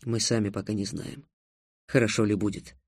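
A man voicing an earnest, cautious young hero, speaking low and subdued. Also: moderate pace, mellow, no room sound, studio quality, lightly acted.

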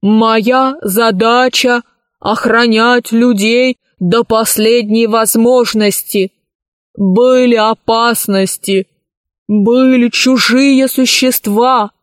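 A woman reading a children's story aloud, voicing a stubborn, literal-minded ship's service robot in a slow, measured way. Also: fairly high pitch, steady tone, clear, resonant tone, no echo, studio quality.

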